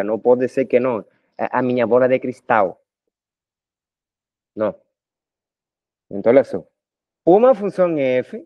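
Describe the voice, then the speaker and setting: A middle-aged Colombian man with a Spanish-speaker's accent gives a math lecture in a casual, conversational way. He keeps checking in with his students through little tag questions. The recording is dry and close, with a muffled, lo-fi tone and a voice of middling pitch. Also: no room sound. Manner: talkative, addresses students informally with frequent tag questions. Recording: dull lo-fi dry sound.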